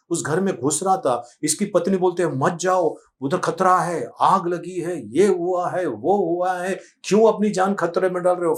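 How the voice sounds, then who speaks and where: A man preaching a storytelling sermon as pastor, often calling out to the congregation. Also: on the high side. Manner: storytelling sermon, repeatedly addressing the congregation as beloved.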